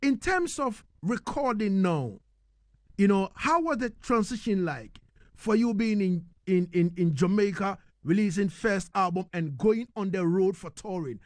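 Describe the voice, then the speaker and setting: A radio host runs a live interview and reads listener messages, speaking emphatically and often checking he's understood by repeating "you know what I mean." His high voice is expressive, a little slow and a little mellow. The studio sound is clean, with no echo.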